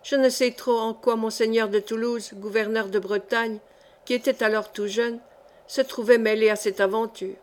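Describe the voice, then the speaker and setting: A woman's voice: a little high, fairly even intonation, moderate pace, natural voice. A woman reading the lines of a poor young orphan man who mocks old legends, in an audiobook. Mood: mocking. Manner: light, teasing storyteller.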